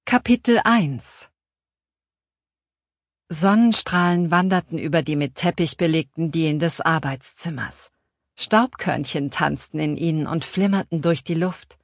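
Calm woman reading an audiobook. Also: sits low, a little slow, no room sound, studio quality. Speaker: audiobook narrator. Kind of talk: scripted narration.

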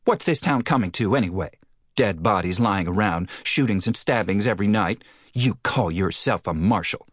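Brief: man doing a shrill, scolding older frontier postmistress, audiobook, dry close sound. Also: animated, normal speed, no echo. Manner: indignant, scolding. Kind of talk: audiobook character voice.

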